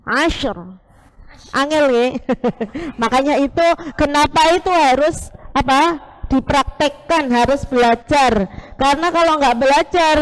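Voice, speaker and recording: A woman teaching Quran recitation to a live class, patiently modelling each sound slowly and repeating it many times. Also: high voice, low-quality recording. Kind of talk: live class instruction with group repetition.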